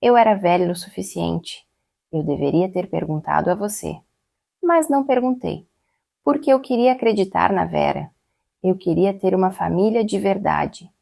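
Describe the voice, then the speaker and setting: Brief: woman reading a distraught teen girl, pleading and broken-up, low gravelly tone. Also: normal speed, dark tone, no room sound, studio quality. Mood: remorseful. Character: distraught adopted teenage girl, tearful and accusing.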